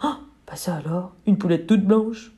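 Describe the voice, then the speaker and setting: A small, curious rooster speaks gently and with surprise, as a woman puts him on. He sounds shy and friendly, a picture-book character. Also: lowish voice, moderate pace, lightly acted. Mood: surprised.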